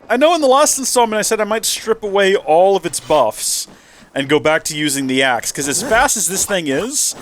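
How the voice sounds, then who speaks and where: A man with a slightly high, somewhat bright voice hosts a let's play, offering casual, meandering commentary full of chatty asides. His nose sounds stuffy, giving him a mildly nasal quality.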